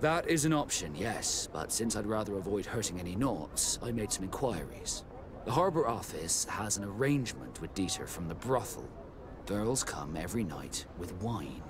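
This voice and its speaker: Captain Vasco, expressive earnest naval captain. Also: male voice, fairly low pitch, moderate pace, noisy background. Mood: calm, persuasive. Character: naval captain, Vasco, earnest man seeking his origins. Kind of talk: video game cutscene acting.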